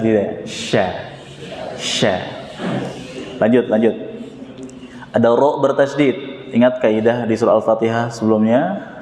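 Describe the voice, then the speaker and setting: In a prayer hall, a man with an Indonesian Jakarta accent gives a tajwid lesson on Quran recitation, patiently modeling each sound and having students repeat it in call-and-response drills. His voice is medium-pitched and warm. The echoey hall adds reverb, and there is a little hiss or hum.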